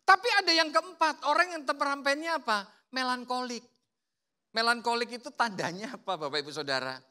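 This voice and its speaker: A man's voice: extremely high pitch, brisk. A man preaching a sermon, telling playful stories and acting out quotes. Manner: lively, playful storytelling with acted-out quotes. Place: church service.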